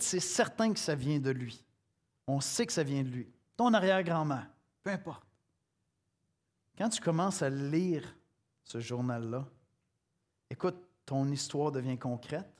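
Québécois preacher guy, middle-aged, chatty sermon, talks right to you, voice sits a bit high. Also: lively intonation, a little slow, pauses often. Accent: Québécois French. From Quebec. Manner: conversational, storytelling, addresses listener directly. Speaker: pastor.

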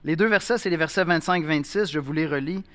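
A man preaching in a conversational way, with pauses and restarts. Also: on the high side, a bit bright. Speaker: pastor. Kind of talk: sermon.

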